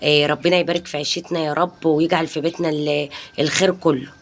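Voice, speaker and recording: A woman's voice: low voice, fairly even intonation, rapid-fire, gravelly, a little hiss or hum. A woman in her thirties with an Egyptian Arabic accent, chatting casually to her followers in a home vlog. She rambles from one point to the next and keeps dropping in pious blessings. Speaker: home vlogger and mother. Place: home balcony.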